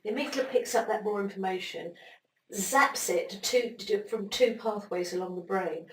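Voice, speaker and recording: A woman talks through ideas as an interview guest, lively and acting out the mind's little voices. She sounds a bit far from the mic in a roomy space, with a faint hiss behind her. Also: mid-range voice, moderate pace. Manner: animated explainer, acts out inner voices. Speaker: interview guest, brain expert. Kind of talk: conversational interview.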